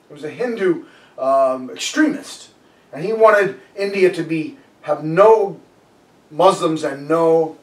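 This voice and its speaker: A man preaches in a relaxed storytelling way, often breaking off and starting his sentences over. His voice sits fairly high for a man. He is picked up from a little way off the mic, in a room that echoes. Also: distant mic. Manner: loose and storytelling, with frequent restarts. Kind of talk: conversational sermon. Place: church sanctuary.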